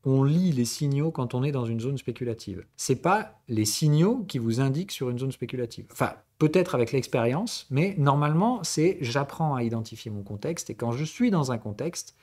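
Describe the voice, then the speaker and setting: Guy from the south of france running a live trading class, chatty, keeps asking ok? d'accord?, mid-pitched voice. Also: lively intonation, moderate pace, darkish tone. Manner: casual, keeps checking in with the audience; conversational tutoring, mixing formal and familiar address. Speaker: trading instructor and stream host. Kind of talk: live-streamed trading lesson, answering chat.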